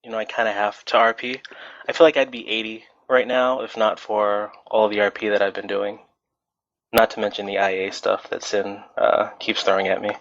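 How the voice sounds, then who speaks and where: A man in his twenties, guesting on a podcast, speaks at a fairly low pitch and moderate pace. Relaxed and rambling, he fills his talk with fillers, captured as dry, dull lo-fi voice chat audio without room sound.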